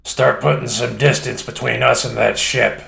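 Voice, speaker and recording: A man voicing a gruff, weary male space pirate captain who talks in curt commands. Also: medium pitch, steady tone, moderate pace, bright, forceful tone. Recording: roomy echo.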